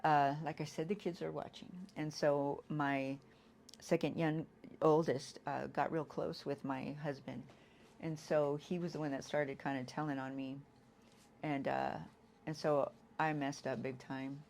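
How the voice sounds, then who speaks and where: Low-voiced woman telling a hard story. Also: little pitch movement, slight background noise. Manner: halting, restarts often, leans on "you know"; acts out quoted lines with sudden loud bursts. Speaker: guest sharing an addiction recovery story. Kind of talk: candid personal testimony.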